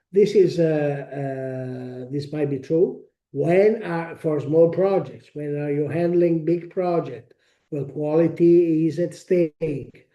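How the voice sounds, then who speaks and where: A man with a strong Italian accent presenting a technical webinar, speaking haltingly with frequent pauses and restarts. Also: a little high, warm tone, lo-fi sound. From Italy. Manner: halting, many fillers and restarts.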